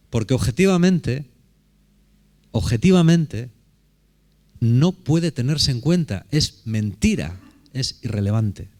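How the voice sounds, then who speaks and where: A man's voice: medium pitch, darkish tone. A man preaching a sermon in a conversational, emphatic way, often asking rhetorical questions.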